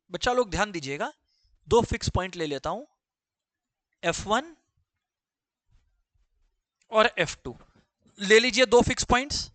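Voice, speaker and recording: A man leads a maths class in a high, bright voice that rises and falls constantly. He repeats key phrases and keeps asking students questions. The sound is close and dry. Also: dry recording. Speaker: maths teacher.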